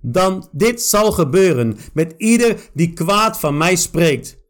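A pastor praying fervently, with insistent, repeated declarations between scripture verses. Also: male voice, high voice, expressive, slow pace. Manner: repetitive, insistent declarations of prayer. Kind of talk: fervent spoken prayer with scripture reading.

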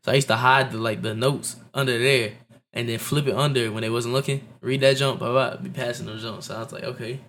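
A young man in casual chat, telling a school story in a lively slangy way and laughing often. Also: medium pitch, fairly quick, a little hiss or hum.

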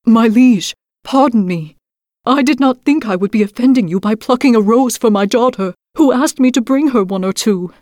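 A woman's voice: a little high, moderate pace, darkish tone, dry recording, clean studio sound, voice pushed up, natural voice. A woman voicing a kindly, frightened older merchant and father in a storybook reading. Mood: pleading. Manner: pleading, sorrowful.

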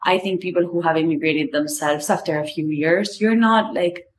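A woman in her twenties, a native Spanish speaker with an Argentinian accent, hosts a personal podcast and rambles candidly through a monologue, swearing casually. Her voice is on the low side and she talks at a normal speed, with a little hiss or hum in the recording.

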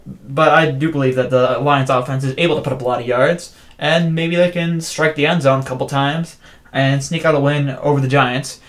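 Measured man giving sports analysis. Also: medium pitch, steady tone, a bit bright. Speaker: podcast co-host. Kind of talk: casual sports chat.

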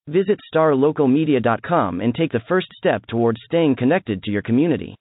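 A man's voice: medium pitch, animated, a little fast, slight background noise. A man reading a scripted promotional narration as an advertisement announcer. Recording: muffled, very narrow phone-like band.

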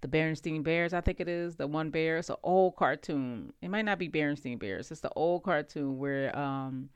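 A woman's voice: sits low, normal speed, clear, resonant tone, no room sound. A middle-aged woman telling personal stories about her father in a casual, reflective way, often repeating phrases. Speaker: storyteller sharing family memories.

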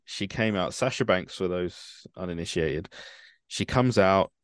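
A man with a very deep voice talks in a dry, wry, opinionated way. His voice sits close and dry, with no room sound around it. He speaks in a relaxed, chatty manner. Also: measured pace, clear, resonant tone, dry recording. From United Kingdom. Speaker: podcast host. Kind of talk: casual chat.

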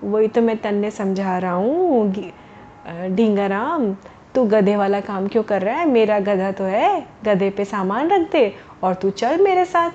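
A woman voicing a shrewd, money-minded village merchant man, calling out loud and drawn-out in a storybook tale. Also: mid-range voice, lively intonation, highs cut off, close to an everyday voice. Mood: bargaining.

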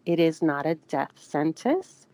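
A woman's voice: low-pitched, sing-song, a little slow, warm tone, dry recording, poor audio. A woman guest giving earnest, casual advice on sexual health, with frequent fillers.

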